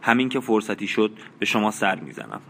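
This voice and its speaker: A man's voice: fairly low pitch, big pitch swings, gravelly, bright, forceful tone, a little hiss or hum, heavily acted. A man reading the part of a proud, ambitious young actress who speaks sharply and impatiently in an audiobook. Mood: cold.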